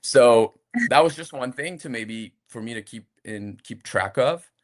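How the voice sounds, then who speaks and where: A man with a medium-pitched voice and a measured pace, an actor guest from France, talks casually in an interview. His French accent is light and softened by years abroad, and his relaxed, hesitant speech has many restarts.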